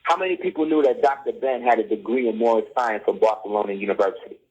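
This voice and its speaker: A man's voice: lowish voice, fast talker, a little mellow, slightly rough. A middle-aged man, a podcast guest, lecturing in a conversational way, pressing his points and often checking whether the listener follows. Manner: insistent, keeps asking "you see what I'm saying?". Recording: dull lo-fi audio.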